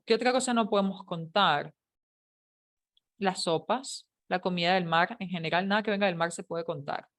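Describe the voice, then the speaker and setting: A woman's voice: fairly low pitch, a bit bright. A woman teaching an English grammar lesson, explaining in a chatty, playful way with jokes and questions to her students. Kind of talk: online English lesson taught in Spanish.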